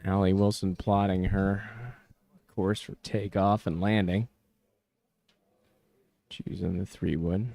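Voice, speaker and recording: A man's voice: low-pitched, flat delivery, slow pace, creaky, long pauses, warm tone, no echo. A man working as a golf commentator, calling a match live in short descriptive phrases full of golf jargon.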